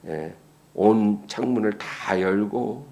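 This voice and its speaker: Korean pastor preaching a sermon. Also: male voice, on the low side, takes it slowly. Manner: asks the congregation questions, then answers them; shifts between soft, hushed passages and loud, raised lines.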